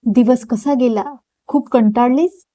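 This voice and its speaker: A woman voicing a caring young man who gently questions his upset friend. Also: a little high, measured pace, no echo. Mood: concerned. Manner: gentle, concerned.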